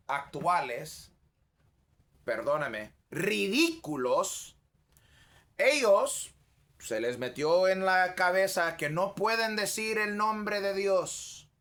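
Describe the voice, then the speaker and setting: A man leads a Bible lesson in an unhurried, emphatic way, freely sharing his opinions. His voice sits a little high and sounds bright and forward. He drops into his as he talks. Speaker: preacher. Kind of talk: bible teaching.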